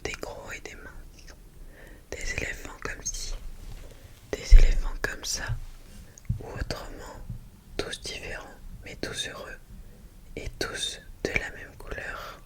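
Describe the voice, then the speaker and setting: An ASMR host reading a children's picture book aloud in a hushed library whisper, with gentle phrasing and small asides to listeners. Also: takes it slowly, long pauses.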